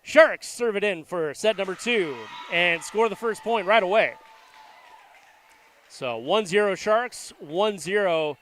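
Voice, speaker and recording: A man with a high, expressive, slightly bright voice speaks slowly, sounding congested as he gets over the flu. He's the play-by-play announcer and station manager, giving easygoing, self-deprecating live commentary on a school volleyball game in a gymnasium. A little hiss or hum is audible.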